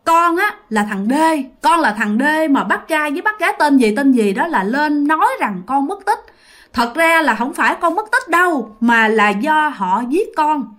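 A woman's voice: high-pitched, big pitch swings, normal speed, fairly bright tone, pitched above the performer's own voice. A woman voicing the ghost of a murdered schoolboy, who keeps begging an older man for help. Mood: pleading. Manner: pleading, repeating "bác ơi" over and over.

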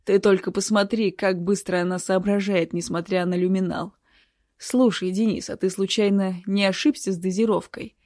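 A woman's voice: medium pitch, normal speed, no echo, studio quality, natural voice. A woman reading the part of a cold, mocking middle-aged male doctor in an audiobook. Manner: calm, mocking.

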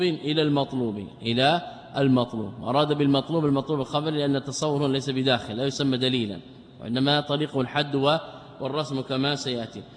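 A man's voice: on the high side, in a large hall. A man teaching Islamic jurisprudence, quoting scholars, repeating key phrases and asking his students questions he then answers. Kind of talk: lecture explaining a text.

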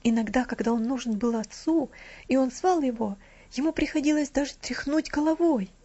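A woman narrating a children's storybook in a steady, expressive way. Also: sits high, moderate pace. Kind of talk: storybook reading. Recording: dull lo-fi audiobook recording.

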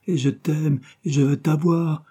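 A man's voice: a little high, steady tone, unhurried, dark tone, slightly rough, pitched above the performer's own voice. A man reading a novel aloud, voicing a passionate young woman who pleads urgently with her lover. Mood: pleading passionately. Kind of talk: audiobook character reading.

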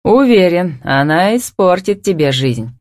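Суровый, напористый мужчина-любовник, которого читает женщина, резкий и ворчливый. Звук сухой, без отражений, тембр ниже среднего. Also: female voice, on the low side, big pitch swings, unhurried, darkish tone, dry recording, clean studio sound. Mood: gruff. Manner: growling, curt. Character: gruff powerful man, domineering lover.

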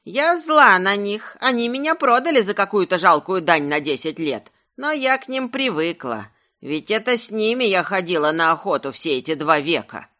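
A narrator voicing a cantankerous ancient talking spear with a shrill old woman's voice, grumpy and indignant. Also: big pitch swings, moderate pace, hardly any pauses, sharp tone. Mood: pleading. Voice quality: shrill, screeching. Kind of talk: audiobook character voice.

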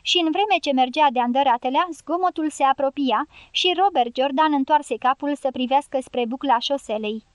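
High-voiced woman narrating an audiobook. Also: few pauses, dry recording. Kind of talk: scripted narration.

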